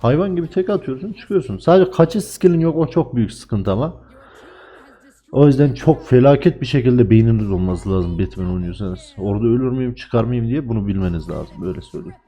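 A man commentating live on his own gameplay, excitable, swearing at and trash-talking his teammates. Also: mid-range voice, fairly quick. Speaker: gaming channel host.

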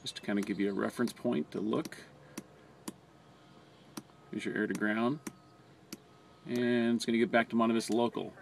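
Speaking at normal speed with fairly even intonation, vocal fry and long pauses, a low-voiced American man narrates a hands-on training video. He's a fire department communications trainer explaining things plainly step by step, recorded on a close handheld camera or phone with amateur audio and noticeable background noise.

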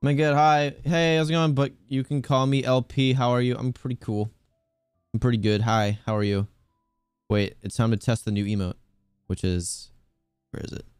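A man's voice: medium pitch, steady tone, normal speed, a little mellow, clean tone, no room sound, clean studio sound, soft background music. A man streaming a video game, chatting casually with viewers in a teasing, joking way and laughing often. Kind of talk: casual gaming stream chat.

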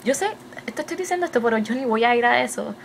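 A young woman with a Puerto Rican Spanish accent, chatting fast and excitedly in a casual video update and slipping English words into her Spanish. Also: on the high side, creaky, slight background noise. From Puerto Rico. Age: young adult. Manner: hyper, rapid, mixes English into Spanish. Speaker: vlogger.

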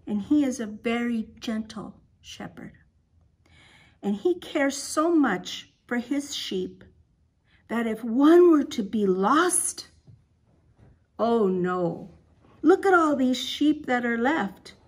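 A woman leading a children's Bible lesson, telling a story gently and asking the little ones questions. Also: a little high, lively intonation, slow, slightly rough. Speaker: children's program leader.

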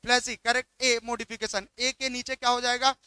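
A man's voice: extremely high pitch, little pitch movement, fairly quick, bright, forceful tone, clear, resonant tone, no room sound. A man teaching biology, walking through exam questions and coaxing students by repeating each question back.

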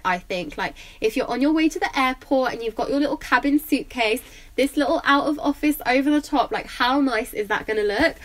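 A woman's voice: fairly high pitch, fairly bright tone. Gushing woman with a blocked nose. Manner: gushing, enthusiastic, lots of "I love". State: slightly croaky from a blocked nose. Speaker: vlogger. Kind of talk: casual shopping haul vlog.

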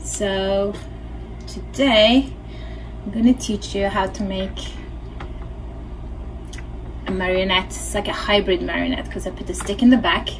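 In a noisy recording from her small indoor home studio, a middle-aged puppeteer with a Norwegian accent gives an easygoing craft lesson, thinking aloud as she works. She speaks a bit slowly at medium pitch, fairly evenly, pausing often.

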